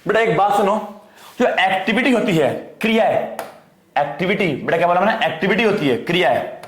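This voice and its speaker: Brief: male teacher, fairly high voice, drills students with repetition, echoey room. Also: animated, fairly quick, fairly bright tone. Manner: repetitive call-and-response drilling, addresses students as "beta". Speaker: economics teacher. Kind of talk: online class lecture.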